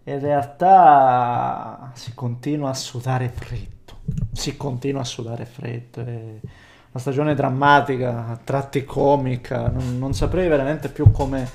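Slow, gloomy man with mid-pitched voice. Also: steady tone, gravelly, darkish tone, slight background noise. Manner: gloomy, halting. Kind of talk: resigned football commentary.

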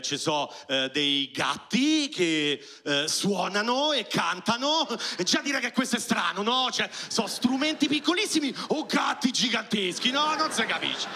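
A male stand-up comedian, performing an animated routine and shouting his punchlines. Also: high voice. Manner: animated, shouts punchlines, acts out quoted voices. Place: comedy club stage with live audience.

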